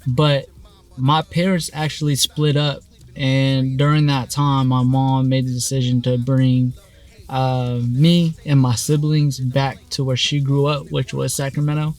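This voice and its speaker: A man who grew up in Oklahoma talks in a relaxed, conversational way, pausing and filling gaps as he remembers. His voice sits at an ordinary middle pitch. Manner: relaxed with frequent fillers. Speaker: interviewee. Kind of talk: casual interview.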